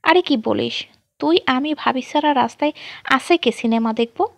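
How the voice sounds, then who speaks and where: A woman voicing a loud, excitable young woman friend who jokes and teases in rural dialect slang. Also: high voice, creaky, dry recording. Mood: curious. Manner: rapid joking rural-dialect banter.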